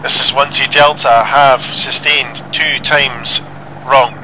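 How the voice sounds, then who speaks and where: A man's voice: mid-range voice, steady tone, takes it slowly, pushed and bright, slight background noise, low-quality recording. A man heard over a walkie-talkie radio, giving terse, formal call-sign reports in clipped military radio procedure. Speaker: player radioing in as a section leader.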